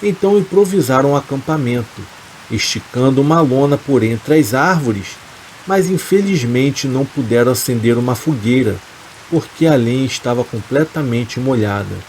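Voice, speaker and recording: A man, calmly reading a scripted horror story in a steady, measured way. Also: mid-range voice, slight background noise, poor audio. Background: rain.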